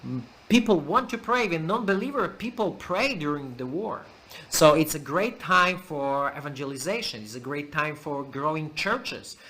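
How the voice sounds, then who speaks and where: A man giving a ministry message to supporters in earnest, halting English. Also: fairly high pitch, lively intonation, bright, forceful tone, low-quality recording. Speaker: church worker giving a ministry update. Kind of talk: prepared thank-you message to supporters.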